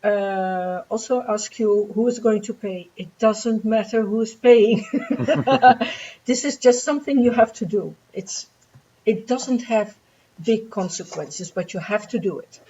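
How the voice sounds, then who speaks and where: A woman's voice: mid-range voice, unhurried, mellow, highs cut off, a little hiss or hum. A woman from the university staff explaining fee payment steps in a webinar, in a plain, practical way with a light, amused tone about the rules.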